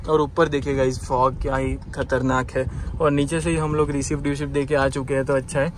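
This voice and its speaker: A young man, a travel vlogger, chats casually to viewers while filming his trip on a foggy, rainy hilltop, calling them "guys." His medium-pitched voice is flat and brisk, picked up by a phone held at arm's length outdoors with clear background noise.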